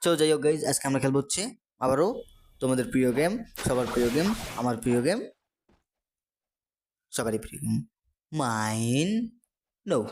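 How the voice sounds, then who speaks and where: A man's voice: mid-range voice, quick pace, darkish tone. Young Bangladeshi man, chatty gaming commentary, noisy home recording. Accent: Bangladeshi Bengali. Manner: chatty, rambling, mixes English phrases. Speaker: gaming YouTuber. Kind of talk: casual gameplay commentary.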